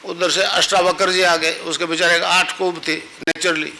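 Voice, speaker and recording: A man's voice: sits high, level tone, normal speed, bright, forceful tone, a little hiss or hum, rough recording. A man giving a spiritual discourse as a guru, telling stories and teaching a mantra to a gathering.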